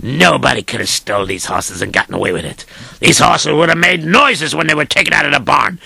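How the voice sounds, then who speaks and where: A rich, hot-tempered lord, played by a man, barks orders in a high, swooping, bright voice full of gravelly fry. The sound is husky and dry. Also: sing-song, slow, no room sound, exaggerated voice. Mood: furious. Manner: bossy, barking orders. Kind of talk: amateur audio storytelling.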